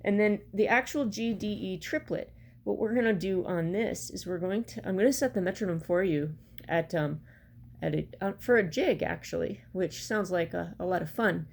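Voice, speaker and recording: A woman's voice: medium pitch, normal speed, a little mellow. A middle-aged woman giving an instructional music lesson to camera, explaining step by step and counting out beats. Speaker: bagpipe practice chanter teacher. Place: small room at home, indoors. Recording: clear background noise, home recording. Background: metronome clicks at times, room noise.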